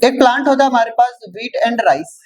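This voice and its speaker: A teacher lecturing to a class, mixing in technical English terms. They often pause to check "clear?" and then answer their own questions. Key terms come slowly and get repeated, in a voice of middling pitch. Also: animated, darkish tone, poor audio.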